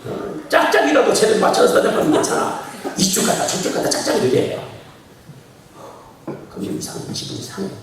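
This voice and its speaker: Male pastor, high and very animated, folksy sermon with shouted peaks, distant mic in a very echoey church. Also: fairly quick, a crowd in the background. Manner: animated preaching, swings from quiet asides to shouting; laughs often, chatty and folksy. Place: church sanctuary. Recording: very echoey church hall, preacher heard from far off.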